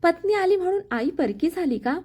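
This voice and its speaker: A woman's voice: sits high, animated, normal speed, mellow. Woman playing a middle-aged mother-in-law, greedy, scolding, demanding, story reading. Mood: angry scolding.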